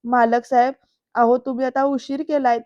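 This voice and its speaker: A frantic young helper, his lines thrown out loud and high by a woman in a recap voice-over. the sound is dry and slightly dull. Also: flat delivery, normal speed, dry recording, close to an everyday voice. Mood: urgent. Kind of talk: quoting lines in a serial recap.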